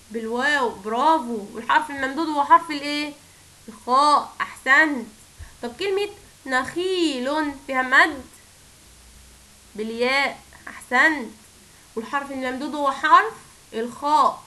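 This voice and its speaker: A woman with an Egyptian Arabic accent gives a recorded lesson to young children. Her voice is high and bright. She draws syllables out slowly for them to repeat and praises them warmly and often. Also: poor audio. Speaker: first-grade Arabic teacher.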